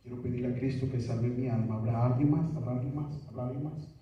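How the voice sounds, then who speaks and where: A man preaching at an altar call, pleading and repeating his appeals over and over. His voice is very dark and mellow. It carries from some distance off the mic in a very echoey church hall. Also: medium pitch, fairly even intonation, quick pace, lo-fi sound. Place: church sanctuary.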